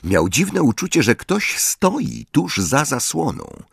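A man narrating a fantasy audiobook in an expressive, dramatic manner. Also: mid-range voice, takes it slowly, creaky, husky, no echo.

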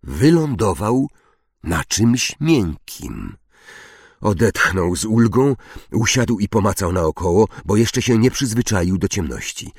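A man reading a children's fantasy audiobook with expressive, dramatic storytelling. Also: fairly low pitch, takes it slowly, slightly rough, dry recording, studio quality. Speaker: narrator.

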